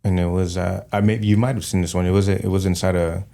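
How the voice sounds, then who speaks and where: A man hosting a casual podcast interview, talking in a relaxed, rambling way with many fillers. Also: sits low, fast, vocal fry. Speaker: podcast host.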